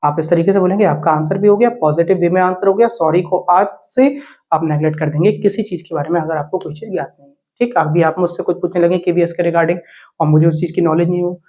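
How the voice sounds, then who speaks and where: A man lecturing fast and earnestly, his voice sitting high. He drops in English terms and keeps checking in with short confirmations. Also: mellow. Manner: rapid, repetitive, peppered with "theek"; mixes Hindi with English words. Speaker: teacher. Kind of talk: exam coaching talk.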